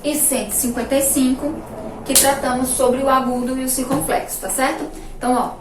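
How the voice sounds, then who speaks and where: A Brazilian woman teacher giving a remote lesson to young children, drawing out each word slowly as she pronounces it. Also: high voice, fairly even intonation, background noise. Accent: Brazilian Portuguese. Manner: slow, drawn-out pronunciation of words for children. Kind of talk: remote primary-school lesson. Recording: echoey room, voice from a distance.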